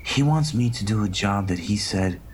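A man in whispered role-play storytelling, recounting events in a slow, whispered first-person voice. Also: fairly low pitch, animated, a little hiss or hum.

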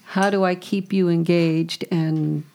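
A woman co-host with a gravelly, rather low voice guides a casual conversation. Her tone is warm and dark. She keeps the talk on track with questions. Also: fairly even intonation, takes it slowly. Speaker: podcast co-host.

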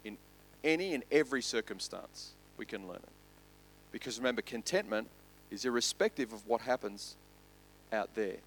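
A man pastor preaching a sermon, building loud and quick through lists and then dropping to soft, slow emphasis. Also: medium pitch, lively intonation, slight background noise.

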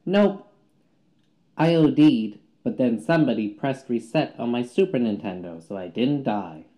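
A man's voice: medium pitch, expressive, measured pace, dark tone, lightly acted. A man voicing a laid-back stoner party guest with a drawling delivery.

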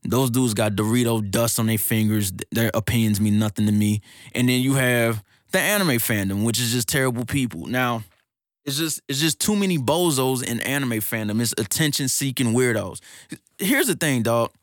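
An American podcast co-host talks casually in a recording studio, ranting in slangy street talk with laughing asides. His voice sits at a medium pitch and normal speed, in studio quality with no echo.

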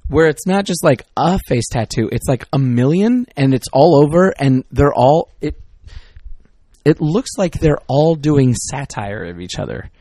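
His voice is fairly high with lively intonation and a dark tone, and he speaks unhurriedly, with no room sound in the recording. He's a middle-aged podcast co-host in casual chat, rambling, exasperated and cutting himself off mid-word.

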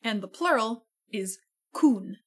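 A woman's voice: medium pitch, moderate pace, a bit bright. Woman, radio host, chatty, patient explainer, laughs easily, home studio. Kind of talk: casual chat. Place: living room home studio.

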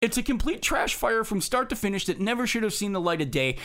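Male film critic on a panel show, high-pitched voice, scathing and emphatic. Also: expressive, quick pace, pushed and bright. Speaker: film review show co-host. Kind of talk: opinionated film review discussion.

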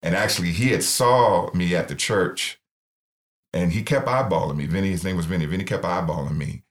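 Deep-voiced man telling his testimony. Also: a little fast. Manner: earnest storytelling, acts out quoted voices. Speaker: ministry founder. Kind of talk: personal testimony in interview.

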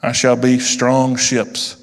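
A man voicing a young female tree who dreams of becoming a mighty ship, speaking proudly and slowly. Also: medium pitch, monotone, natural voice. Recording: long reverb of a large hall.

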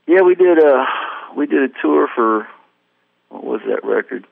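With vocal fry and a higher-than-usual voice, a guest musician rambles through a long self-deprecating story at normal speed, his intonation lively. He acts out others' lines on a tinny phone line in a casual storytelling interview, and the audio is dry and close with no room sound.

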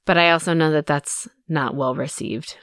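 Low-voiced playful woman podcast co-host. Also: fairly even intonation, moderate pace, fairly bright tone, dry recording, clean studio sound. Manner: playful, jokey. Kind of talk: casual chat.

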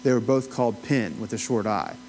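A man with an Appalachian accent, from that region of the United States, teaches Bible study informally, full of folksy asides and questions to the group. His lowish, slightly mellow voice has lively intonation and a slightly fast pace. The rough recording has a little hiss or hum.

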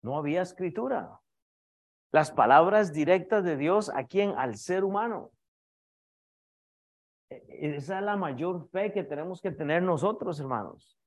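A man's voice: on the high side, lively intonation, a little slow, long pauses. A male pastor preaching an emphatic sermon, repeatedly calling on his congregation and often restarting his phrases.

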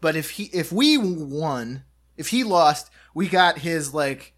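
A man's voice: on the high side, animated, slow, fairly bright tone. A man in casual chat telling a rowdy anecdote, loose and chatty, with swearing.

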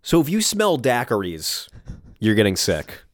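Man, podcast co-host, teasing and laughing, lively intonation. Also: mid-range voice, a little slow, dry recording, studio quality. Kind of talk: casual podcast banter.

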